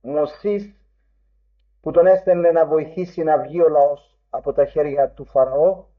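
High-voiced man preaching, lo-fi. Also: fairly even intonation. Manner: emphatic, rising sharply when quoting; old-fashioned formal phrasing. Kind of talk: sermon. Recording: dull lo-fi recording.

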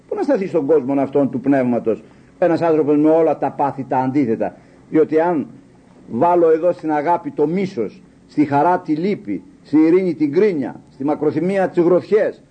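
An older man giving a sermon, telling stories with quoted dialogue and rhetorical questions, in an animated, husky voice. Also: fairly high pitch, highs cut off. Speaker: lay preacher.

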